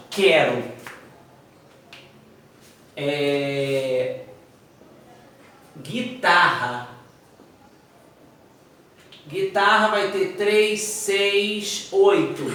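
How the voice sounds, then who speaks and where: A man teaches a phonetics lesson at an unhurried pace, counting out letters and sounds aloud. His voice is high and bright. He stands a little off the mic in a strongly echoing room. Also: far from the mic, slight background noise. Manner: spells out words slowly, counting letters aloud; asks himself students' questions. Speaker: Portuguese teacher. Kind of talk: video lesson explaining phonetics.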